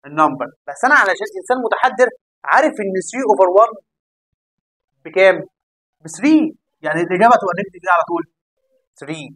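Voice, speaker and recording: A man's voice: high voice, a bit bright, no echo, poor audio. A young man with an Egyptian Arabic accent teaching a math lesson, who keeps asking his students questions and answering them himself.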